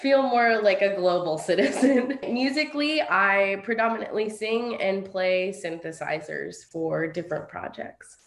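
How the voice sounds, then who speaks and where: A woman's voice: mid-range voice, a little slow, few pauses. A woman from Florida speaks in a friendly, easygoing way over a video call. Her audio sounds roomy and echoey. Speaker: singer guest.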